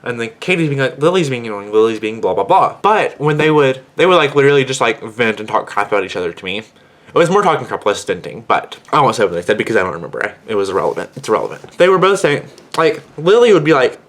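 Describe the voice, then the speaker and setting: A teenage boy tells a long storytime vlog at a steady middle pitch. He rambles and circles back, filling every gap with "like", and sounds indignant as he tells it. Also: fast. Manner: rambling, heavy use of "like". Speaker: vlogger.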